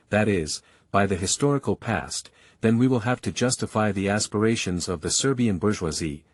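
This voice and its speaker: A man's voice: fairly low pitch, no echo, clean studio sound. A man reading a historical parliamentary speech aloud in a declamatory, oratorical manner.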